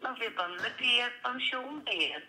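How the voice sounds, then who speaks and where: A woman's voice: fairly high pitch, animated, a little slow, pushed and bright, a little hiss or hum. A woman fortune teller heard over a phone line, patiently and politely reading cards for a caller, with hesitant fillers.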